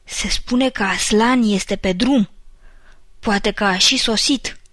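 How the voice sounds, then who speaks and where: A woman reading the part of a wary male beaver, speaking in a husky, throaty, hushed whisper. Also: medium pitch, no echo, studio quality, natural voice. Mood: hushed urgent. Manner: hushed and urgent. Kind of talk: audiobook character reading.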